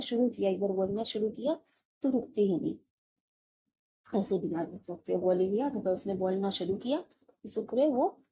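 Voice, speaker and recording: A woman's voice: mid-range voice, mellow, lo-fi sound. A woman teaching an exam-prep lesson, explaining memory tricks and repeating each one several times.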